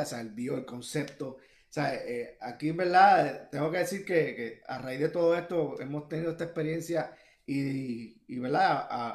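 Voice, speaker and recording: A man's voice: mid-range voice, roomy sound. A young Puerto Rican man, a musician guest on a video call, talking in a rambling way with many fillers and restarts. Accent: Puerto Rican Spanish. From Puerto Rico. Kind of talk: casual interview talk.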